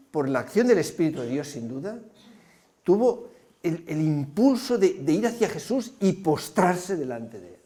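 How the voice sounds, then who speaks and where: A preacher delivers a sermon in a somewhat high but mellow, warm voice. He paints scenes vividly and keeps turning to his congregation with rhetorical questions.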